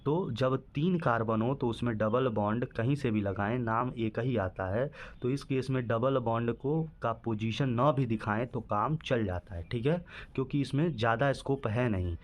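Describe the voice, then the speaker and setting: A man's voice: medium pitch, normal speed, few pauses. Man teaching, quizzing the class himself. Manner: asks questions and answers them himself, repeats "ठीक है" often. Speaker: chemistry teacher. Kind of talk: classroom-style lesson explanation.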